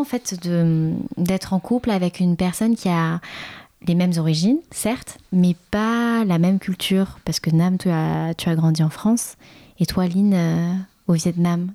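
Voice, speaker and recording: A woman interviewing guests, chatty and relaxed, with frequent fillers. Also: lowish voice. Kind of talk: casual interview.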